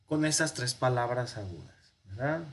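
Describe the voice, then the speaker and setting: A man with a Mexican Spanish accent teaching a language lesson, slow and patient, thinking aloud with pauses. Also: medium pitch, lively intonation. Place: parish classroom or home office.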